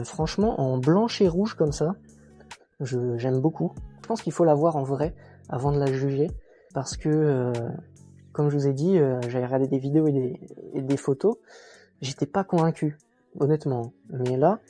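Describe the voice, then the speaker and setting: Mellow-voiced man chatting casually. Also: a little high. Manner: relaxed, chatty, many fillers and self-mocking jokes. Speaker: motorcycle reviewer. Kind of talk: casual product walkthrough.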